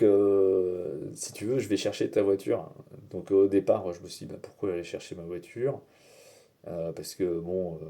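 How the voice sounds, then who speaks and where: Casting: low-pitched, very dark-voiced man from France, casual hesitant vlogger. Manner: hesitant, many "euh" fillers. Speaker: car vlogger. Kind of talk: casual explanatory vlog.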